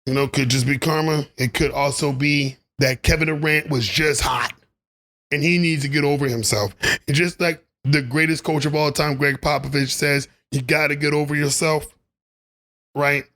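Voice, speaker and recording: A man's voice: fairly high pitch, steady tone, normal speed, sharp tone. A man delivering a rambling, opinionated basketball commentary monologue, laughing at his own asides. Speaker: sports commentary vlogger.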